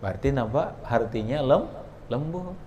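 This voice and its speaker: At an Islamic boarding school in South Kalimantan, Indonesia, a Banjar-accented man teaches a kitab class as kiai. Phrase by phrase he reads the Arabic, explains it in the local dialect, and keeps stopping to test his students. His voice is medium-pitched, expressive, and mellow at a moderate pace, with a little hiss or hum.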